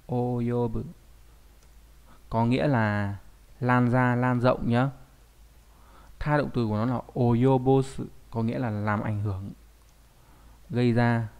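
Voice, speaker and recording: A man's voice: medium pitch, steady tone, measured pace, pauses often, darkish tone, smooth. Guy teaching kanji online, patient, keeps asking right? right?. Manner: explains patiently, often checking in with tag questions. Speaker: Japanese language teacher.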